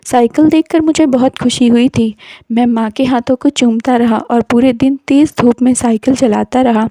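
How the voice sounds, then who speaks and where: A woman narrating an emotional story in a slow, scripted storytelling manner. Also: fairly high pitch, fairly even intonation, mellow, dry recording.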